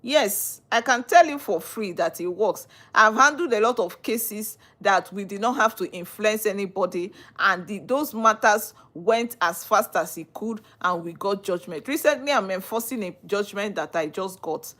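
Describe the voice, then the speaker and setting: A woman's voice: medium pitch, normal speed, few pauses, fairly bright tone. A woman with a Nigerian accent, a lawyer talking on a live stream, who explains with earnest repetition. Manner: earnest, repeats phrases while explaining. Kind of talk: live-stream talk answering viewers.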